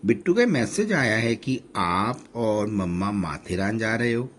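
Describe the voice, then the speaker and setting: A man's voice: on the low side, animated, measured pace, a bit bright, slight background noise. A man voicing a cheerful teenage daughter talking to her father on the phone. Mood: playful.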